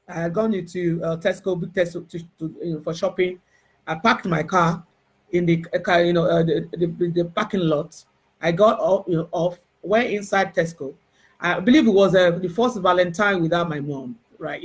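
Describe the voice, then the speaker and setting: A woman with a Nigerian Yoruba accent telling a personal spiritual testimony in an emotional, halting way, full of restarts and fillers. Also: fairly low pitch, breathy edge. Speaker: spiritual herbalist.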